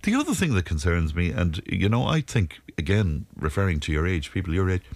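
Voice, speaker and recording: A man's voice: deep voice, big pitch swings, a little fast, no echo. An older man hosting a radio interview, asking probing questions. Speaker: radio host.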